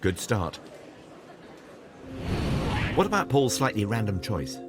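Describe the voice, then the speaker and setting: A man's voice: lowish voice, very animated, slow, loud music behind the voice. A man reading scripted television voice-over narration in a wry, playful way. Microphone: studio voice-over.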